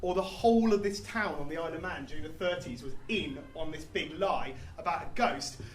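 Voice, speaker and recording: A man's voice: on the high side, roomy sound. Rambling man telling a story on stage. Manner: rambling, self-deprecating, halting with fillers. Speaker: comedy musician. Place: comedy club stage.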